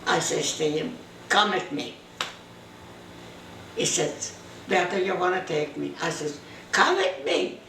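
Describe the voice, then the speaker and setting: Elderly woman in her nineties, gravelly voice, slow halting speech, roomy room heard from a distance. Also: on the low side. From Eastern Europe (now Belarus). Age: 90s. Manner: halting, repetitive, broken English, quotes her husband's words. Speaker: interviewee, grandmother recalling her life. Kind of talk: reminiscing storytelling in an interview. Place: home room in Montreal. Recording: roomy, distant camera mic, faint noise.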